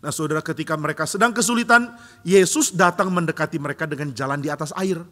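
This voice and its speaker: Bright-voiced male pastor in a reverberant hall. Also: a little high, fast. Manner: lively storytelling, acts out quoted voices with sudden loud jumps. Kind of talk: sermon. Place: large church sanctuary. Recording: church hall with long reverb.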